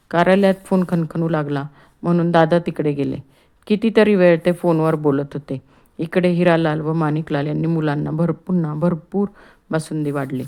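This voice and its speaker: A woman reads a storybook chapter aloud in a calm, steady way. Her voice sits low and sounds mellow and warm. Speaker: audiobook narrator. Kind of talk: scripted storybook narration.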